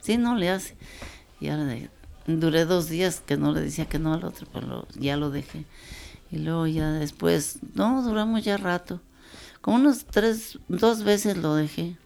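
An elderly woman tells family stories in a relaxed, chatty way. Her voice is low and gravelly. She slips into the voices of the people she quotes. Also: moderate pace. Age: 80s. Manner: lively storyteller, quotes people in dialogue, chuckles often. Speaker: grandmother telling her life story. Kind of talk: casual storytelling.

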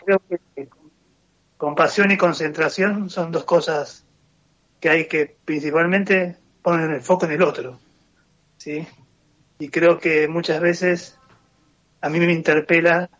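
A man with a Rioplatense Spanish accent speaks slowly and haltingly over a remote line that breaks up and drops words. His voice sits somewhat high and comes through muffled. The sound is dry and close. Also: fairly even intonation, a bit bright, no room sound. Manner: halting, hesitant, words cut off mid-phrase. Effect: remote line breaking up and cutting out. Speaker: remote panelist on a talk show. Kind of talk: reflective remote chat. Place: remote call, not in the studio.

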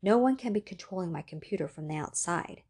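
A woman voicing a lonely, nervous man who grows frightened and tense, speaking in a slightly husky voice. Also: on the low side, expressive, fairly quick. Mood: bewildered. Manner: tense, rising to frightened shouting.

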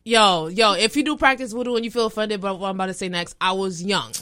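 Brief: woman co-host, animated storyteller, dry close sound, quick emphatic bursts. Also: mid-range voice, no echo. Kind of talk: casual storytelling chat.

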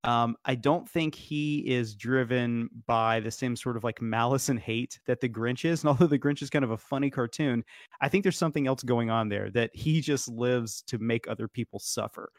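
A man in casual conversation who rambles through his points with plenty of fillers and false starts. His voice sits at a middle pitch, recorded close and dry with no room sound. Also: normal speed, no room sound. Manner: rambling, many fillers and restarts, laughs often. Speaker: podcast guest. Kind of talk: casual debate chat.

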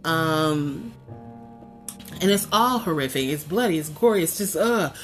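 Woman, forties, lower pitch, casual horror movie commentary, animated, laughs a lot, faint music behind. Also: measured pace. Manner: animated, expressive, laughs often. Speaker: horror film reviewer.

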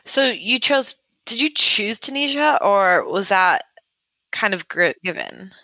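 A woman's voice: mid-range voice, lively intonation, measured pace, sharp tone, no echo. A woman hosting an interview, asking eager, rambling questions in a casual chat.

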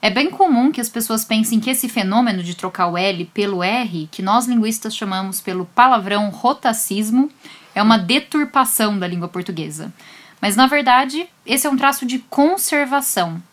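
A woman's voice: a little high, lively intonation, normal speed, a bit bright. A woman with a Brazilian accent, a linguist explaining a lesson directly to her listeners.

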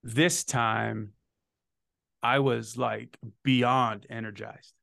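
A man in his thirties hosting a podcast, an energetic storyteller who swears freely and keeps asking "right?". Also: medium pitch, very slow, creaky. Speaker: podcast host. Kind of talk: casual chat.

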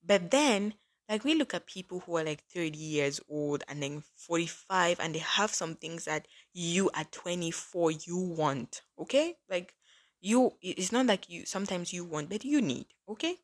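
A woman's voice: lowish voice, expressive, normal speed. A woman in her early twenties hosting a casual faith-based podcast, chatty and earnest, with lots of "like" fillers. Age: early 20s. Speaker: podcast host.

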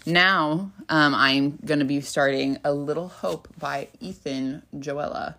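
A young woman with a low voice co-hosts a casual podcast about books. She talks in a chatty, easygoing way and laughs easily. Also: slow, bright, forceful tone. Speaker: podcast co-host.

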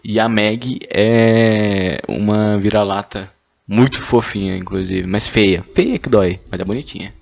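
A man's voice: fairly low pitch, fairly even intonation, unhurried, gravelly, darkish tone, lo-fi sound. A young man, reading questions aloud and joking, stammering and swearing as he goes. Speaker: streamer reading anonymous questions. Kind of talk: casual chat.

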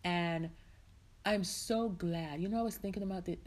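Woman host from Jamaica, middle-aged, casual rambling podcast chat, slightly low voice. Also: moderate pace, a little mellow. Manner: chatty, rambling, heartfelt, many "you know"s.

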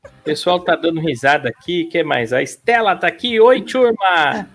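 A man's voice: on the high side, lively intonation, moderate pace, fairly bright tone. A man with a Brazilian Portuguese accent, co-hosting a podcast, teasing his partner and reading out listener messages in casual banter. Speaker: podcast co-host.

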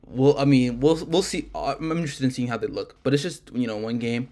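A man's voice: mid-range voice, a little fast, mellow. A man co-hosting a casual sports podcast, rambling and correcting himself as he talks. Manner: loose, rambling, self-correcting. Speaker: podcast co-host.

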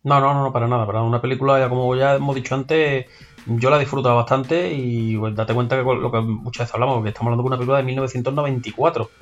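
A man co-hosting a casual film podcast, relaxed and agreeable. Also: mid-range voice, very fast, muffled recording. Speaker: podcast co-host.

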